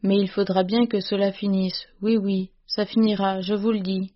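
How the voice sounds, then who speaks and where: A woman's voice: mid-range voice, flat delivery, normal speed, lightly acted. A woman doing a fierce, scolding old servant. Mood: indignant. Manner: loud, scolding outbursts. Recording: dull, lo-fi recording.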